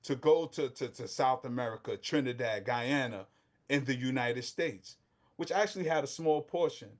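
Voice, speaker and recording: A middle-aged man, speaking as a guest on a casual talk show. He talks with conviction in street slang, his voice often climbing high. The pitch sits in the middle of the male range. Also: normal speed. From Brooklyn, New York. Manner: impassioned, street slang, rising to near-shouting. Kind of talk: casual podcast discussion.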